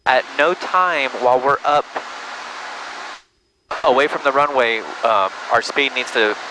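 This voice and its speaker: A man's voice: medium pitch, a little slow. A man coaching a student pilot step by step in an informal way during a flight, talking on a headset. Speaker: flight instructor. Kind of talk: hands-on instruction during a flight. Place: small airplane cockpit in flight. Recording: loud engine noise in small aircraft.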